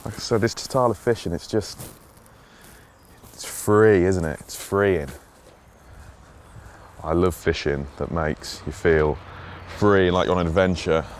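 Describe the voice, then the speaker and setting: Here the young angler from Switzerland sounds low-pitched, keeping a measured pace broken by long pauses, and a little hiss or hum sits in the audio. He rambles enthusiastically and restarts often in casual outdoor conversation and voice-over.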